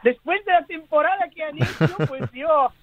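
A man's voice: very high voice, expressive, normal speed, fairly bright tone. A man from Italy with an Italian accent, a guest author speaking in a casual radio interview, thoughtful and hedging with many restarts. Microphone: phone line. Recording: tinny phone line.

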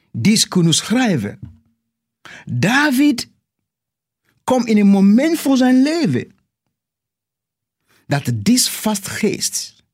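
Male preacher, husky voice, slow and emphatic delivery, swooping pitch, repeats phrases for weight. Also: no echo, clean studio sound. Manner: slow and deliberate with dramatic pauses. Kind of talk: sermon.

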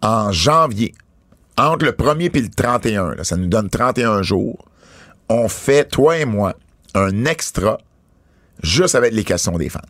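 A man with a Quebec French accent hosting a casual wrestling podcast, animated and quick with asides. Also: fairly low pitch, no room sound, studio quality. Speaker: podcast host.

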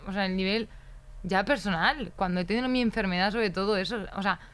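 A woman's voice: mid-range voice, a little fast, fairly bright tone, clear, resonant tone. A young woman, a football player talking as a guest, blunt and emphatic, swearing freely. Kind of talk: casual podcast chat.

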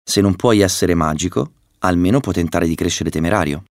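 A man reading a children's story, voicing a clever, brave young male mouse who speaks quietly and with determination. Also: sits low, a little fast, dry recording, studio quality. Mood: determined.

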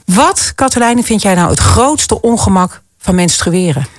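A woman hosts a relaxed conversation and tells stories with lots of life, her pitch climbing and dropping freely as she speaks. The sound is close and dry, with no room around it. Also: a little slow, dry recording. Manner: animated storytelling, acts out voices with big pitch jumps. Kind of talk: casual conversation.

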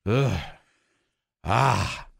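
A man's voice: on the low side, expressive, extremely slow, vocal fry, a bit bright, slightly rough. A middle-aged man hosts a sports radio show in a casual, conversational style. He has no teeth in, so his speech is toothless with a slight lisp. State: toothless, speaking without his dentures.

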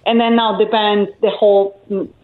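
A woman's voice: medium pitch, level tone, moderate pace, echoey room, narrow, tinny audio. A woman from Italy, a band leader on the line from London, chatting in a hesitant way with frequent laughs. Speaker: band leader, guest on phone. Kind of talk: casual interview chat. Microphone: phone line.

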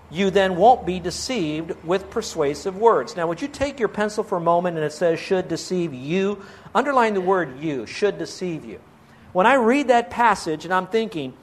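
A man preaching a sermon as pastor, earnest and pleading, asking his listeners rhetorical questions. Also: a little high.

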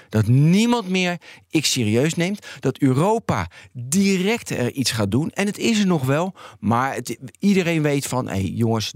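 Animated man arguing his point. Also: on the high side, no echo, studio quality. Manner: animated, argumentative, thinks aloud. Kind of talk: debate on a podcast.

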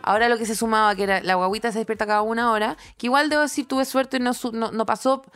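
A Chilean woman in her thirties co-hosting a casual chat, telling stories in an animated, laughing way. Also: a little high, quick pace, smooth, faint music behind. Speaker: podcast co-host.

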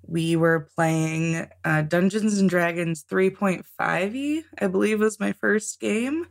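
Chatty woman guest, low-pitched. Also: slow pace, gravelly. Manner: chatty, laughs often, many ums. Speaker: podcast guest, tabletop game author. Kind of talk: casual interview chat.

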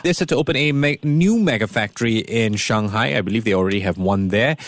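A man's voice: lowish voice, expressive, a little fast, no room sound. A male radio host interviewing a guest in a conversational, lightly playful way. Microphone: studio mic.

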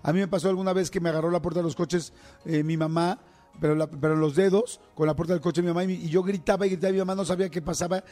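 A man's voice: a little high, rapid-fire, faint music behind. Chatty Mexican man telling a story. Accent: Mexican Spanish. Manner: chatty, animated, acts out screams and quotes. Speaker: radio show host. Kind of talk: casual storytelling to listeners.

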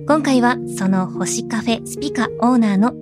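Fairly high-voiced woman hosting an interview. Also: normal speed. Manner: courteous, attentive, frequent backchannel responses. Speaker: interviewer, show host. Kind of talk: polite broadcast interview hosting. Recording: music playing behind the voice.

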